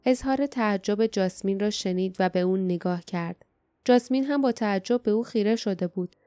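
A woman narrating a fantasy audiobook in a steady, even storytelling manner. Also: medium pitch, no echo, studio quality.

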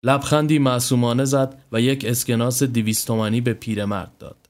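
A man's voice: medium pitch, little pitch movement. A man steadily reading a horror story aloud as narrator.

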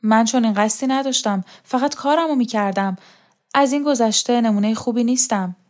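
A proud, worldly older woman speaks in a storybook, her manner wry and reflective as she recalls the past. A woman voices her in her own even reading voice. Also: fairly high pitch, close to an everyday voice. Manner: reflective, mocking.

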